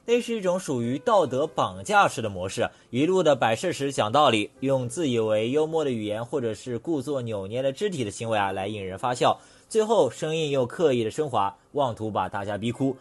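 Guy doing scripted commentary, medium pitch, very lively and emphatic. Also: fairly quick, hardly any pauses.

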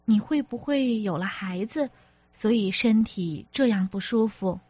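A woman's voice: mid-range voice, a little slow, darkish tone, breathy edge, no room sound, muffled recording. A woman reader voicing an apologetic, exasperated young husband who pleads and defends himself, as an audiobook character. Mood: placating.

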